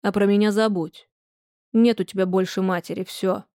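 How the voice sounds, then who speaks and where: Brief: woman doing a domineering older grandmother, harsh and scolding, mellow dark tone, dry sound. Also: mid-range voice, steady tone, normal speed, no room sound, close to an everyday voice. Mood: cold, bitter.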